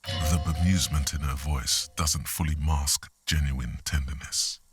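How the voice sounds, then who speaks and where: A man's voice: rumbling low, fairly even intonation, measured pace, music in the background. A man narrating a video game in a solemn, descriptive, scripted style. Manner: solemn, descriptive, evenly paced. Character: grave, detached male game narrator.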